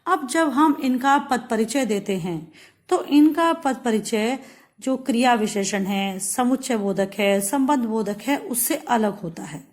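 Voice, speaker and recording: A woman from India teaching a Hindi grammar lesson, patiently explaining step by step and reading example sentences slowly. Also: fairly high pitch, expressive, a little mellow.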